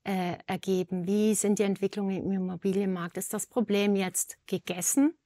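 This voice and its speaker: Woman, 50s, host, composed questions, mid pitch, dry studio sound. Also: steady tone, normal speed, mellow, dry recording. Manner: composed, asks with light fillers. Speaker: host, interviewer.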